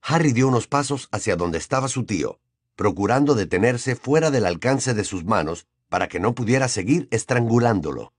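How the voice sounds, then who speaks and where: A man narrates an audiobook with expressive, storytelling flair, reading from a script. His voice sits in the middle range and moves at a moderate pace. The studio recording is clean, with no room sound.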